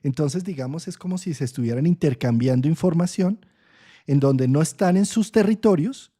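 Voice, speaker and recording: Mellow-voiced man explaining with frequent checks. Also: a little high, normal speed, slightly rough. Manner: frequent "¿sí?" checks, thoughtful and expressive. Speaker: astrologer. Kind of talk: conversational explanation in an online talk.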